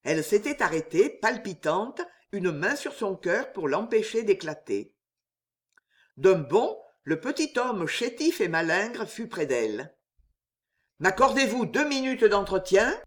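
Woman reading a novel aloud, slow and dramatic, voice rising and falling a lot. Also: medium pitch, very animated. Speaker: narrator. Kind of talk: dramatic audiobook narration.

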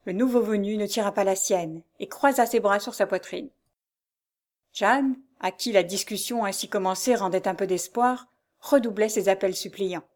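A woman's voice: mid-range voice, normal speed, a little mellow. Woman reading a novel aloud. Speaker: reader.

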